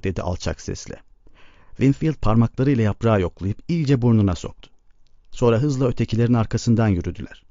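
Gravelly-voiced male audiobook narrator. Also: lowish voice, no echo. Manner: measured, even storytelling. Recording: dull lo-fi recording.

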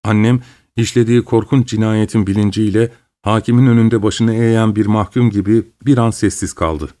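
A man reading a novel aloud in measured first-person narration. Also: lowish voice, steady tone, mellow. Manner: measured, literary storytelling. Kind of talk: scripted audiobook narration.

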